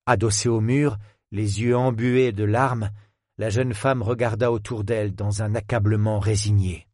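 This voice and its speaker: A man narrating a thriller audiobook in a steady, measured way, close to the microphone. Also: on the low side, dry recording. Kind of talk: scripted narration of a thriller novel.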